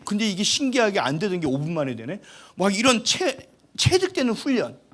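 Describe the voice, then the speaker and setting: A male pastor preaching a sermon in an animated, humorous, exhorting way. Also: high voice, brisk.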